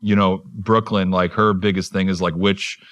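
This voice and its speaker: A man's voice: deep voice, flat delivery, moderate pace, fairly bright tone, no echo. A man hosting a podcast interview, chatty and encouraging toward his guest. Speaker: podcast host. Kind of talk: conversational interview.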